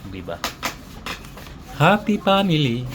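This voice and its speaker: A man's voice: fairly high pitch, sing-song, slow pace. A middle-aged Filipino man chatting casually to his viewers in a family vlog, friendly and talkative. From Philippines. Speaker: vlogger. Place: outdoors at home in the evening. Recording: noisy outdoor background.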